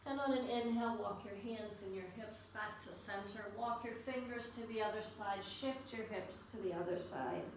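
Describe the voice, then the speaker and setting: A woman leading a yoga class as the instructor, in a calm, unhurried, soothing guiding delivery. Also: medium pitch. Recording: echoey room, distant mic, faint noise.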